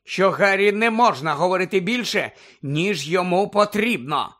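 A man voicing a worried, strict middle-aged mother who nearly shouts in her arguments. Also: expressive, measured pace, exaggerated voice. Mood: agitated. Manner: shrill, pleading, nearly shouting.

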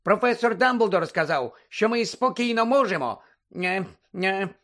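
A man's voice: sits high, lively intonation, unhurried, a bit bright, pitched above the performer's own voice. A man voicing an eager, servile male house-elf who talks about himself in the third person and keeps addressing his listener as "sir", in an audiobook reading. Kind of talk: audiobook character voice.

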